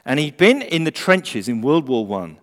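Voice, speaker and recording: A man's voice: medium pitch, big pitch swings, normal speed, a bit bright. A man preaching an evangelistic sermon, earnest and urgent, with rhetorical questions and repeated phrases. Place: large church or hall, preaching live. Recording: echoey hall with long reverb.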